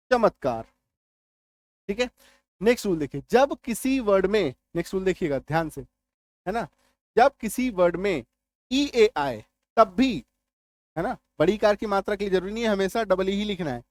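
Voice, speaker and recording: A man's voice: sits high, dry recording. A man giving a spoken English spelling lesson, drilling words aloud and checking whether his students understand. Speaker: English teacher.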